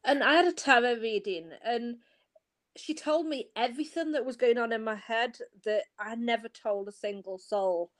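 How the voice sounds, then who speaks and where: A woman's voice: fairly high pitch, normal speed. A woman guest on a podcast, a tarot reader and coach, earnestly telling her story in casual chat and often restarting her phrases.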